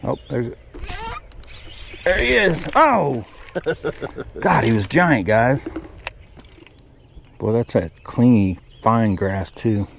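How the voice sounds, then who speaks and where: Fishing from a boat, a vlog-hosting angler speaks slowly with long pauses, his creaky voice on the low side yet lively in intonation. The talk is casual, folksy and colloquial, and the outdoor audio is noisy.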